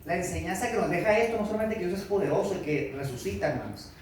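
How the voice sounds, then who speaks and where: A man's voice: high-pitched, animated, fast talker, background noise. Man, pastor, preaching with emphasis, echoey room, heard from a distance, congregation chiming in behind. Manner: emphatic preaching, calls for amen, rhetorical questions. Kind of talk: sermon. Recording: echoey church hall from afar. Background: congregation responding.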